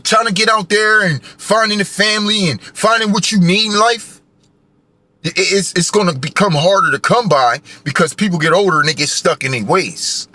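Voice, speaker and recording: A man's voice: high voice, moderate pace, bright, forceful tone. A man in his forties ranting in a heated, profane, preachy monologue, often tacking on "right?". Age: 40s. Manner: heated, profane, preachy, repetitive tag questions. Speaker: vlogger. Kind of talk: angry monologue rant.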